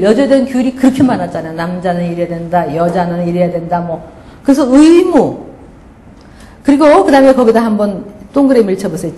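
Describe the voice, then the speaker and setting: A middle-aged woman pastor giving a sermon, telling stories and acting out scolding voices. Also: on the high side. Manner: animated storytelling, acts out scolding voices. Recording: echoey hall, faint background noise.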